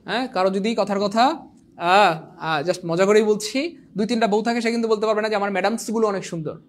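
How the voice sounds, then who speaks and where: A young man who teaches an exam prep lecture in an animated, teasing way, repeating points and quizzing his viewers. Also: high voice, fairly quick. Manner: animated, repetitive, teasing, asks the viewers questions. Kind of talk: online lecture.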